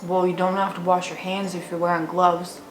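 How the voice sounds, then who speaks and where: A woman's voice: lowish voice, level tone, normal speed, slight background noise, natural voice. A woman playing both parts of a re-enacted conversation, here voicing a blunt, careless male construction coworker. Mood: defensive, nonchalant. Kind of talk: acted dialogue re-enactment. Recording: roomy echo, faint music.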